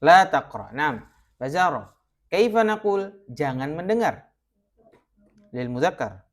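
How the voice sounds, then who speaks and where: A male Arabic teacher runs a classroom lesson, calling on students one by one. He speaks slowly and patiently, with a lively, rising and falling voice. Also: medium pitch. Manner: patient, quizzing students by name, switching between Arabic and Indonesian.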